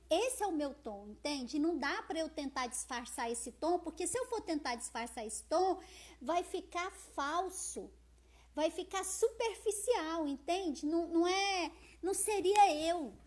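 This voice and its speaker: A Brazilian woman with a Brazilian Portuguese accent hosts a casual live stream on her phone, speaking loudly, forcefully and expressively to viewers. Her voice is very high and a little slow, and she chats away while reading out viewer comments.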